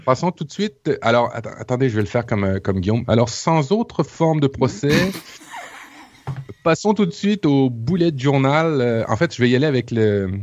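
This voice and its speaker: A man's voice: medium pitch, a little mellow, no echo. Man, Québécois accent, podcast host, joking and hesitant, dry sound, muffled lo-fi line. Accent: Québécois French. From Quebec. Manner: chatty and joking, laughs often, many hesitations. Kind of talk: casual podcast chat.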